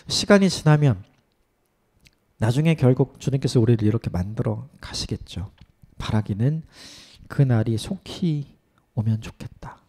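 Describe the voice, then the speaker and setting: Gravelly-voiced man preaching. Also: medium pitch, animated, normal speed. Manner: earnest preaching, drops to soft whispers for prayers and blessings. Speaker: pastor. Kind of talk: early-morning sermon.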